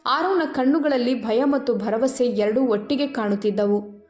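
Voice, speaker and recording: A woman's voice: on the high side, moderate pace. Emotive woman storyteller, echoey room. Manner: steady, emotive reading. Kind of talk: scripted story narration. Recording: echoey room with faint music.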